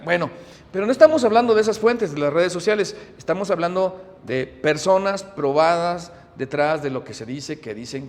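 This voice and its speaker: A middle-aged man, preaching a sermon, animated, moving between loud emphasis and hushed asides. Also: sits high, big-room sound. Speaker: pastor.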